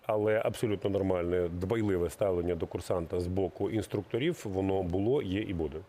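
A middle-aged man, a military recruiting official, answering interview questions in a measured, explanatory way with frequent hesitations. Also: deep voice, mellow, a little hiss or hum.

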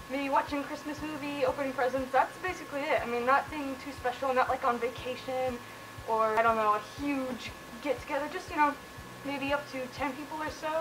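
With background noise behind her, a woman speaking from inside a costume head answers viewer questions in a casual, rambling Q&A. She sounds relaxed, filling pauses and laughing, and her voice sits high.

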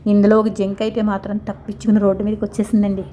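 Chatty woman with a mellow voice. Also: medium pitch, completely flat delivery, racing, slight background noise. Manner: chatty, sympathetic, rambling with restarts. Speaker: vlogger. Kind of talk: casual vlog voice-over.

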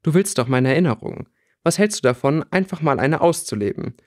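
A man's voice: on the high side, expressive, fairly quick, darkish tone, lightly acted. A man voicing a cool, defiant boy wizard in an audiobook reading, close to his own voice. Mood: mocking. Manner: cool, mocking.

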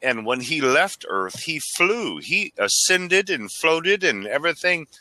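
This caller, a man in his forties from Arizona in the United States, speaks on a headset from a small, dim indoor room during a casual religious video chat. His voice runs on the high side, very animated, pushed and bright, and a little slow, with no echo. He rambles fervently about faith and stumbles over words.

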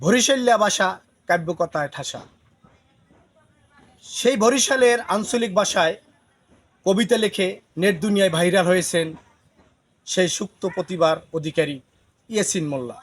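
High-voiced male news reporter. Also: moderate pace, long pauses. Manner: repeats filler "actually" often.

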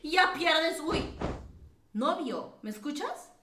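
A woman's voice: high-pitched, animated, slow, roomy sound, background noise. A woman hosting a casual game live stream, chatty and teasing, laughing often.

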